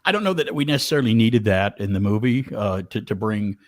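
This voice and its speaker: A man on a casual panel chat, enthusiastic and opinionated, often trailing off quietly. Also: fairly low pitch, animated, fairly quick. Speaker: panel co-host.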